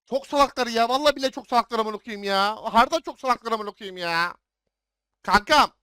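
A young man streaming a game live, yelling orders at his teammates and swearing in frustration. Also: extremely high pitch, fast, clean tone, dry recording, clean studio sound. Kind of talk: live gameplay commentary.

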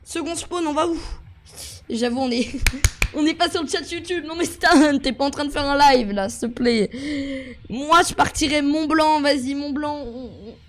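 Young man, high voice, gameplay commentary, excitable, yelps then mutters, faint background noise. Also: moderate pace. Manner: excitable, jumps between yelps and muttering to himself. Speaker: gaming YouTuber.

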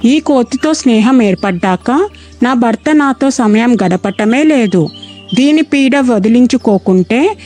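A woman's voice: fairly high pitch, expressive, a little slow, a little mellow, soft background music, pitched below the performer's own voice. A woman voicing a jealous, sulking female crocodile wife in a cartoon storybook, talking in a fretful, complaining way.

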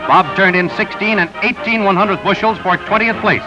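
A high-pitched male narrator reads sports results in a brisk announcer cadence, like a 1930s cinema newsreel. The audio is dull and lo-fi, with a music bed clearly audible underneath, giving it the feel of an old newsreel soundtrack.

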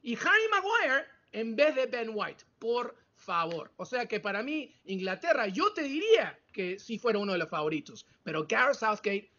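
A man's voice: very high-pitched, sing-song, normal speed, few pauses, bright, forceful tone. A man in his forties from Peru, debating football in an emphatic, exclamatory way and slipping English words into his talk. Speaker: football analyst. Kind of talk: casual sports debate. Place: home room. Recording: lo-fi video call audio.

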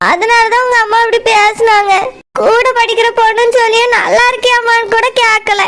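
Here is a very high, squeaky cartoon girl who is young, in love and close to tears, voiced by a woman. She pleads in a thin, flat voice that barely rises or falls. Her words come out worried, as if she is always afraid of getting caught. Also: a little fast. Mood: tearful. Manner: tearful, pleading. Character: young village woman in love, a student, fearful of strict parents. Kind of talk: cartoon voice acting.

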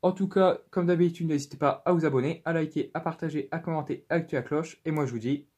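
A man's voice: on the high side, fast, darkish tone. A man hosting a casual unboxing vlog, thinking aloud and counting hesitantly. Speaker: toy-unboxing YouTuber.

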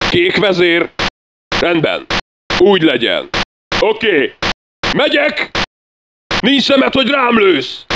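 A man's voice: high voice, creaky, exaggerated voice. A man voicing a brash, crude game soldier, barking orders and taunts in a fan-made game dub. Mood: commanding. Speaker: game character voice lines. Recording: dull lo-fi recording with noise.

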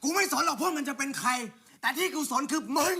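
A man putting on a high gravelly bully. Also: fast, over a noisy crowd. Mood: threatening.

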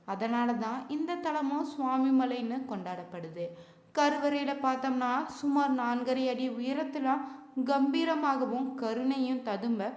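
A woman narrating temple history in a relaxed, chatty way, often adding "you could say" and correcting herself mid-phrase. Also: high-pitched, reverberant. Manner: casual spoken Tamil with fillers like "you could say". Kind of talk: colloquial devotional narration.

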